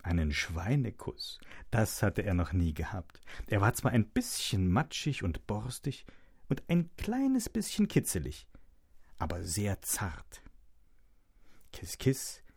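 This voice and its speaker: A man reading a children's story aloud in a slow, soft, expressive way. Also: lowish voice, breathy edge.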